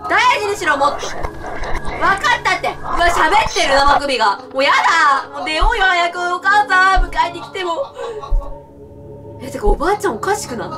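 Very high-pitched excitable woman gamer. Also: moderate pace, recorded from a distance, music in the background. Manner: excitable, frightened reactions and shouts. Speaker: horror game streamer. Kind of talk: let's play commentary.

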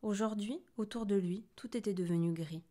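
A woman narrates a children's picture book aloud with expressive, animated delivery. Her voice sits at an ordinary pitch for a woman. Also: moderate pace. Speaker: storybook reader. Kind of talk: children's story reading.

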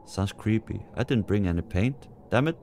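Low-voiced man muttering through a game. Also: animated, moderate pace, darkish tone, a little hiss or hum. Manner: mutters to himself, jumpy nervous asides. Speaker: let's play gamer. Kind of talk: casual gaming commentary.

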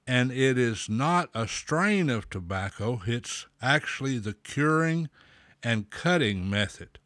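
A man talking slowly with a pipe in his mouth, a folksy host explaining at a measured pace with pauses. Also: mid-range voice, a bit bright, no room sound, studio quality. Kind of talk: slow, deliberate explainer talk.

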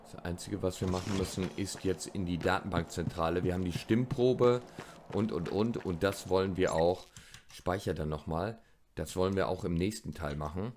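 A low-voiced man gives casual let's play commentary. He rambles and repeats himself, with clear noise and game ambience behind him. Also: normal speed, darkish tone.

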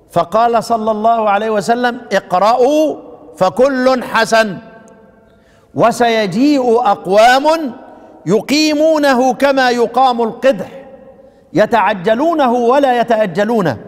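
A man's voice: very high-pitched, big-room sound. A man with an Egyptian accent giving a lecture on Quran recitation rules. He keeps asking his listeners questions and answering them himself, and he often repeats words as he thinks. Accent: Egyptian Arabic. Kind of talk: classroom lecture.

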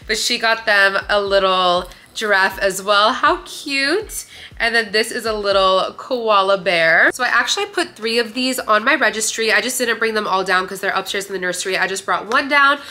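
A young Romanian woman films a casual haul video in a bright living room, talking to her viewers on a camera set in front of her. She gushes and chats, saying "like" constantly and filling her speech with fillers, in a mid-range voice at normal speed with a sharp tone.

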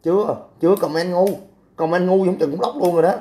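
This is a young man, running a livestream and answering comments. He talks in a brash, crude, dismissive way, and his voice sounds dark and mellow. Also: sits high, steady tone, fairly quick. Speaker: livestream host. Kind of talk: casual livestream chat reading comments.

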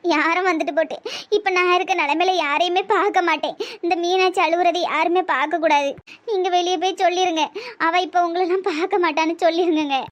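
ஒரு பெண் கார்ட்டூனில் நெல்லை வட்டார வழக்கில், மனம் புண்பட்டு அழுதுகொண்டே பேசும் வயதான பணக்காரப் பெண்ணுக்குக் குரல் கொடுக்கிறார். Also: female voice, extremely high pitch, steady tone, brisk. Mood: hurt, tearful. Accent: Tirunelveli Tamil. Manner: sobbing, pleading. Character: tearful elderly rich woman, proud and hurt. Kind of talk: cartoon voice acting.

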